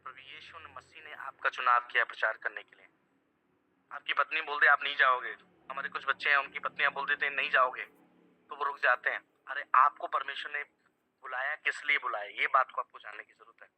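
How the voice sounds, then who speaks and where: A man's voice: medium pitch, fairly even intonation, fast, bright, forceful tone, no echo, low-quality recording. A man preaching a sermon to an online house church over a video call, emphatic, repeating phrases and quizzing his listeners.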